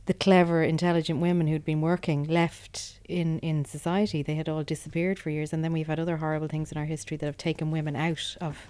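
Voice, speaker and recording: Irish woman, late 40s, low mellow voice, steady and flat. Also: fast talker, hardly any pauses, smooth. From Ireland. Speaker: roundtable guest. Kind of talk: casual discussion.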